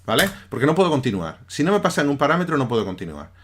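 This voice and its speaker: A man's voice: fairly high pitch, big pitch swings, fast, a bit bright, slight background noise. A man giving a recorded programming lesson over his screen, talking conversationally and often checking in with his listeners. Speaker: teacher.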